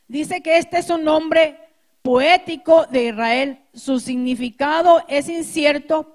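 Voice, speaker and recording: A woman pastor delivers a teaching sermon in a high, light voice. Her throat is sore, and she stops now and then to clear it. She speaks straight to the congregation and calls them brothers.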